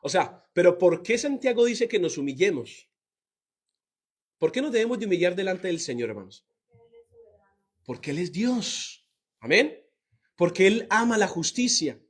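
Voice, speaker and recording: A man's voice: sits high, unhurried, pauses often, slightly rough. A man preaching a sermon to his congregation, asking them questions and drawing out key words. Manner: lively, stretching out key words. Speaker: pastor.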